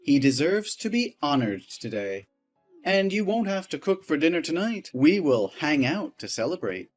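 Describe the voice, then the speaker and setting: A man's voice: fairly high pitch, sing-song, soft background music. An actor playing a domineering, wealthy husband who talks down to his wife with boastful scorn. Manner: boastful, scornful, quick to rage.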